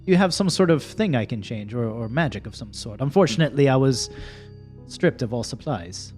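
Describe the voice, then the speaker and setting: A cautious runaway woman in a tabletop fantasy story played by a man. She talks in halting, broken sentences without articles, practical and uneasy, with lively intonation over music. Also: mid-range voice, lightly acted. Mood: pleading. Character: wary female fugitive in fantasy tale, clipped and practical.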